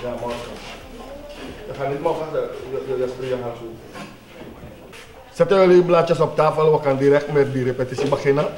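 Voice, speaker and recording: An actor playing a male schoolteacher who is strict but overwhelmed, talking haltingly, repeating words and scolding loudly. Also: mid-range voice, lightly acted. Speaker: Dutch teacher at a school. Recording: echoey room with clear background noise.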